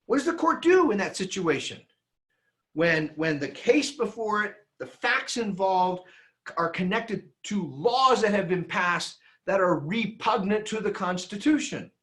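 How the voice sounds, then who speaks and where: A man giving an emphatic, animated lecture that he reads from a handout, with frequent restarts. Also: sits high, measured pace. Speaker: teacher.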